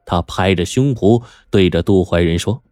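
A male storyteller narrating a crime tale in a lively, colloquial storytelling way. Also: low-pitched, moderate pace, dry recording, studio quality, faint music behind.

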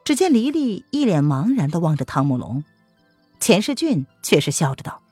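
A woman narrating a martial-arts story as an audiobook, in an expressive storytelling manner. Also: on the low side, normal speed, slightly rough, dry recording, soft background music.

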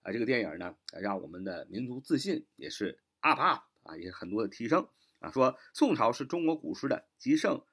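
A man teaching English vocabulary in an online lesson. He repeats each word slowly, spells it out letter by letter, and fills pauses with drawn-out "ah"s. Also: mid-range voice, sing-song, fairly bright tone, slightly rough. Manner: frequent filler "啊" and "那么".

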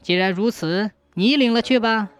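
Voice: medium pitch, normal speed, smooth, soft background music, lightly acted. A storyteller voicing a stern, clever old county magistrate who mocks and commands. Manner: sharp, mocking, commanding.

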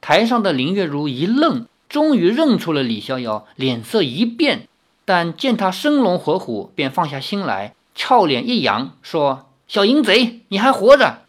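A narrator reading a martial-arts novel aloud in an animated storytelling manner. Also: medium pitch, a little slow. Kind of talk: audiobook reading of a wuxia novel.

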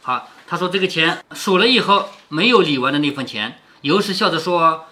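A man's voice: a little high, expressive, normal speed, pushed and bright. A man reading a classic novel aloud to his daughter and explaining it, often asking "isn't it?". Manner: keeps asking rhetorical "isn't it?".

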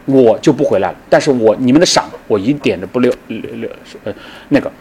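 This middle-aged lecturer tells a historical story for the public in a lively manner, dramatizing the characters and asking the audience questions. He speaks fast at medium pitch, with a breathy edge to his voice.

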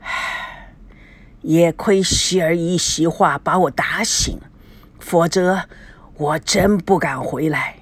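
A sorrowful old man, as a woman narrator puts him on, speaks low and hushed. His voice is husky and breathy. Storybook reading. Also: slow.

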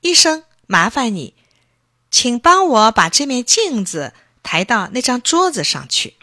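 A woman voicing an eager, quick-witted young boy in a children's story, with high, excited childlike calls. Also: heavily acted.

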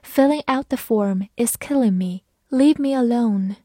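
A woman narrating a scripted vocabulary lesson, saying each English word twice and then defining it slowly. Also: a little high, dark tone, no echo, clean studio sound.

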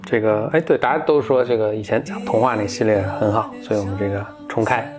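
A man's voice: fairly low pitch, quick pace, a crowd in the background. Chatty man telling a story. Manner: chatty, with many fillers and restarts. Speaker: podcast host. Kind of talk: casual storytelling.

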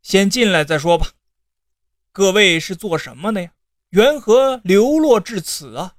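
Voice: medium pitch, lively intonation, measured pace, no room sound, studio quality, natural voice. A storyteller voicing a failed male scholar in his thirties who speaks formally and feigns righteous restraint.

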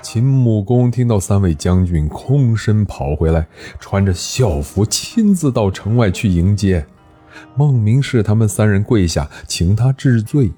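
Husky-voiced male storyteller, low and lively. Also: measured pace, soft background music. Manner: animated, voices every character. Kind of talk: history storytelling.

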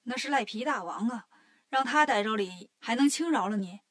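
A woman voicing an old male court official who plays peacemaker in a children's story, speaking softly and coaxingly. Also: a little high, expressive, moderate pace, no echo, studio quality.

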